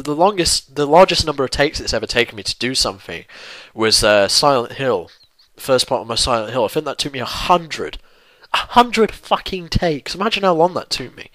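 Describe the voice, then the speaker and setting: A man's voice: mid-range voice, pushed and bright, dry recording, rough recording. A young man hosting a let's play channel, answering viewer questions in a casual, rambling and self-deprecating way, swearing freely and restarting his sentences.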